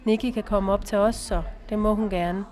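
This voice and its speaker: Audiobook: weary, patient mother read by a woman, soft and soothing, mid pitch. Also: steady tone, close to an everyday voice.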